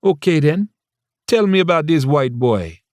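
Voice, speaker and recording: Brief: man playing a raised, lilting Jamaican mom, slow and gently teasing, storybook reading. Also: on the high side, very animated, no room sound, voice pushed up. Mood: doting. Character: warm, doting older Jamaican mother.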